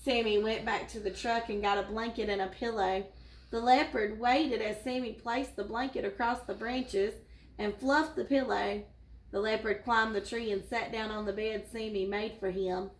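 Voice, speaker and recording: A woman teacher reading a storybook aloud to children, with warm, expressive storytelling. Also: fairly high pitch, normal speed. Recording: roomy echo.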